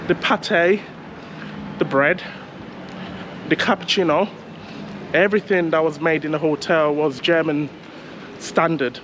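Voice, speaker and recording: A man walks city streets filming his travel vlog, talking slowly and loosely and often laughing at himself. His voice sits fairly high, and the talk rambles from one thought to the next. Clear street noise and passing traffic run behind him. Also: fairly even intonation, fairly bright tone, poor audio. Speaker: travel vlogger. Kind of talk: casual walking vlog.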